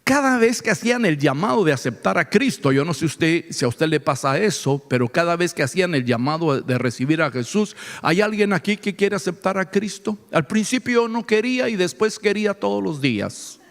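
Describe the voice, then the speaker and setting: A man's voice: fairly high pitch, animated, fairly quick, creaky, few pauses, fairly bright tone. A man preaching a sermon, retelling a spiritual experience fervently and dramatically, turning to the congregation again and again to address them. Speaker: pastor. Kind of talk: sermon testimony. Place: church sanctuary. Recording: long reverb of a church hall.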